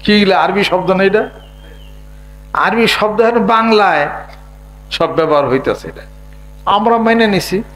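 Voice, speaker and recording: A man preaching a sermon in a humorous way, imitating village speech and singing verses slowly. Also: high voice, a bit bright, rough recording. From Bangladesh. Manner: humorous, mimics rural dialect, sings verses slowly. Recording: faint mains hum.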